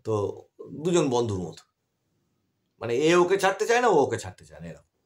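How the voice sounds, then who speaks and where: A man's voice: medium pitch, huge pitch swings, fast. A man teaching English grammar in an online class, explaining patiently and asking his students questions as he goes.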